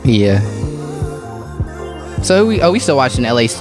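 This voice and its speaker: Lively man chatting with music behind. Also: medium pitch, a little slow. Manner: joking, lively back-and-forth. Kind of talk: casual chat.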